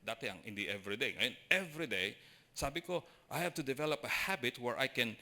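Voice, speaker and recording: A man's voice: medium pitch, expressive, a little fast, sharp tone. A middle-aged man with a Filipino accent preaching a sermon, mixing personal stories with questions to the congregation. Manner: mixes storytelling and preaching, asks the congregation questions. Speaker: lay preacher.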